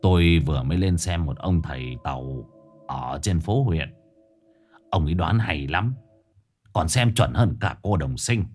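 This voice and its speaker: A man voicing an anxious older wealthy landlord who speaks to his wife in a hushed, confiding way. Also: low-pitched, very animated, moderate pace, soft background music, voice pushed down, exaggerated voice.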